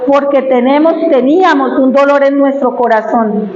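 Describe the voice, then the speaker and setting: A woman's voice: sits high, normal speed, darkish tone, a little hiss or hum. A woman preaching a sermon, sharing personal testimony in a conversational, emotional way and asking the congregation questions. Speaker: church preacher. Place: church hall. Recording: echoey, dull church recording.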